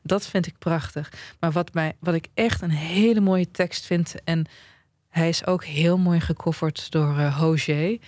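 This is a man in casual podcast chat, outspoken and playful, who now and then reads song lyrics aloud. His voice sits fairly high, and the sound is dry and close with no room around it. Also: fairly even intonation, unhurried, a little mellow, no room sound. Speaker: podcast co-host.

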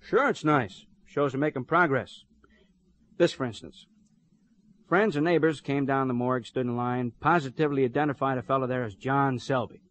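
An actor voices a cheerful middle-aged police partner who jokes and chatters easily. His voice sits at a middle pitch. It is a 1950s radio drama. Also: normal speed, a bit bright, dry recording, natural voice. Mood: chatty. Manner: chatty, joking, talkative.

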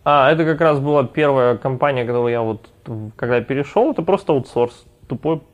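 Speaking fairly quickly in a mid-range voice, a male founder and CEO rambles through a casual podcast interview full of restarts and fillers. The audio sounds dull.

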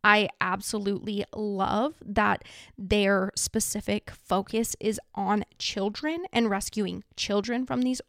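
A woman's voice: mid-range voice, steady tone, slow, fairly bright tone, no room sound, studio quality. A woman hosting a podcast in casual, earnest talk, with trouble pronouncing her R's so they sound like W's. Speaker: podcast host.

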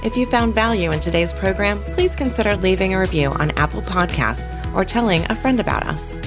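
A woman hosting a podcast interview, enthusiastic and quick to praise her guest. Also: mid-range voice, expressive, over music. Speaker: podcast host.

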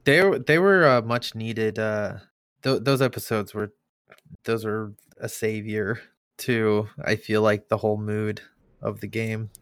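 A man's voice: fairly low pitch, unhurried, a bit bright. A man chatting casually as a player on a tabletop gaming podcast. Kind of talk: casual chat.

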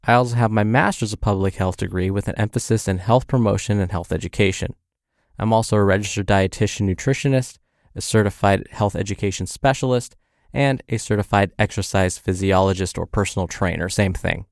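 A man's voice: lowish voice, fairly quick, creaky, darkish tone, no room sound, studio quality. A man hosting a health advice show in an upbeat, tidy, instructive manner, speaking directly to the listener in a scripted style. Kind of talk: scripted advice podcast narration.

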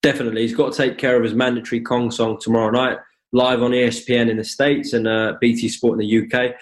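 A man of medium pitch puts conversational questions as a sports interviewer. The video-call sound is noticeably roomy. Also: level tone, fast. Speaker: boxing interviewer, host.

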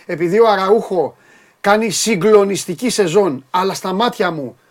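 A man leading a lively sports panel chat, teasing the others and repeating words rapidly. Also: sits high.

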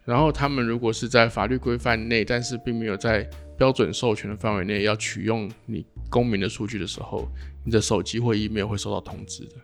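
A man's voice: fairly low pitch, fairly even intonation, brisk, soft background music. A man from Taiwan, a podcast host who muses aloud and sums up topics in a casual chat. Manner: musing, thinks aloud, wraps up topics.

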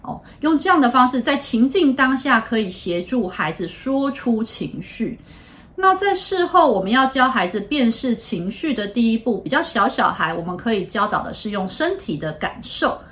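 Female child psychiatrist host from Taiwan, 30s, calm explanatory podcast delivery, slightly high voice, unhurried pauses. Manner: calm, patient, with frequent "uh" pauses.

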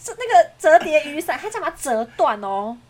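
Lady telling a story all dramatic, high voice that jumps all over. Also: big pitch swings, brisk. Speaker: podcast co-host. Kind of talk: casual chat.

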